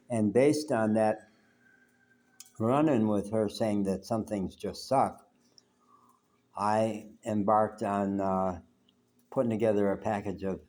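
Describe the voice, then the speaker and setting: This older man from the U.S. talks to his camera at home, musing and drifting from topic to topic, and mentions his big voice. It's a fairly low, darkish voice in a reflective solo vlog.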